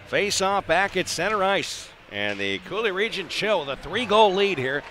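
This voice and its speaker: A male hockey play-by-play announcer with a high-sitting voice calls the game at normal speed over rink noise. He uses clipped phrases and gets excitable on big plays, in a live, radio-style commentary. It is a live arena broadcast with background noise.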